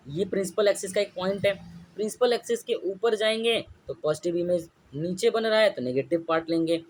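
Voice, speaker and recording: A man's voice: sits high, a little hiss or hum. A man teaching a class lecture. He keeps asking the students questions and answers them himself. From India.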